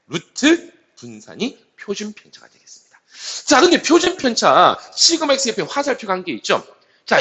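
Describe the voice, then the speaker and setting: A male math teacher lectures with a slightly high, very animated voice that rises and falls widely. He repeats key terms and uses a steady filler word to pace each step. The recording is somewhat muffled and lo-fi. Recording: slightly dull lo-fi sound.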